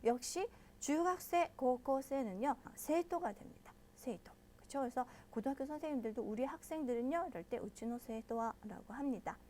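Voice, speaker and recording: Brief: bright high-pitched female teacher, patient, walks learners through each point. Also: expressive, slight background noise. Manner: patient, explains step by step and checks in with listeners often; models pronunciation slowly and loudly. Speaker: Japanese language teacher. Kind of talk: online language lesson.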